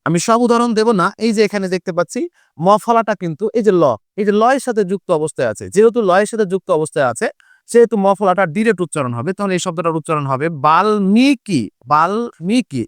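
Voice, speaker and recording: A man from Bangladesh teaching a Bengali grammar lesson for exam students, repeating each rule slowly and asking and answering his own questions. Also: high-pitched, lively intonation, clear, resonant tone, no room sound, studio quality.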